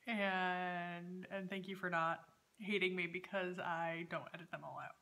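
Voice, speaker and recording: A woman's voice: fairly low pitch, flat delivery, a little slow, bright, forceful tone. A woman in her thirties hosting a casual, chatty vlog from a room at home, talking in a hesitant way. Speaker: knitting podcast host. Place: dining room at home, indoors.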